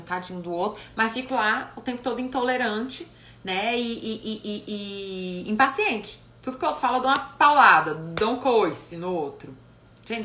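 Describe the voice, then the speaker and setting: A psychologist talks emphatically in a live stream. Her voice is bright and forceful but sits on the low side for a woman. The room gives it a noticeable echo, with faint noise underneath. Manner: animated, emphatic, frequent "né?" tag questions. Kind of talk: live-stream talk on emotions.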